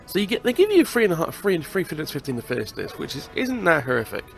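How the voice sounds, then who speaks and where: With faint music in the background, a young British gaming host speaks a little high, quick, and creaky, his pitch swinging widely. He's got a cold and blocked nose, chatting casually through a let's-play and swearing at times.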